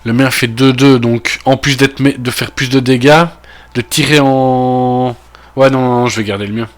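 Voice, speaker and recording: This gaming video creator from Belgium has a Belgian French accent and is recovering from a cold. Commentating casually on a video game, he thinks aloud with lots of fillers and asides that trail off, using a mid-range voice, fairly even intonation and a moderate pace.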